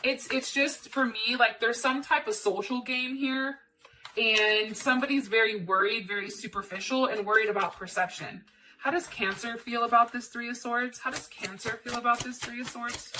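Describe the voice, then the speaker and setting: This tarot reading comes from a woman running a channel, who talks casually and candidly, repeats phrases to stress them, and uses mild profanity. Her slightly high, bright, forceful voice has fairly even intonation at a normal speed. Background noise and clicks accompany a distant mic.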